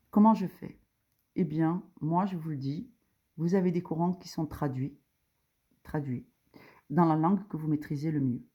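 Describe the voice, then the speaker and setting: This religious teacher has a low-pitched, mellow, husky voice. Her informal lesson explains a diagram one step at a time, full of hesitations and filler words, with rising emphasis whenever she reaches a key point.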